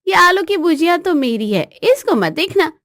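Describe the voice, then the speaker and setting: A sassy young bride who talks back at every turn, as a woman puts her on. She is shrill, high and cheeky, and her lines land close and dry like a bedtime storybook reading. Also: expressive, fairly quick, dry recording. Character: sassy bratty young newlywed wife.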